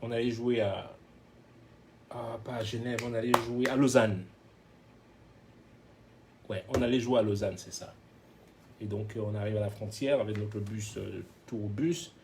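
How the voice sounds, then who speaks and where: A man casually telling a road anecdote as a guest, animated, acting out other people's lines and laughing often. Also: fairly low pitch, unhurried, pauses often, noisy background. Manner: switches into English phrases mid-story. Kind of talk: casual storytelling.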